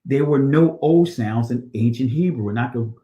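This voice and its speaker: Dude explaining slides casually, keeps saying right, echoey room sound. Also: male voice, mid-range voice, normal speed, warm tone, dull audio. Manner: conversational, adds "right?" often, hesitant fillers. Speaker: teacher. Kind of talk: teaching with on-screen slides. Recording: roomy echo.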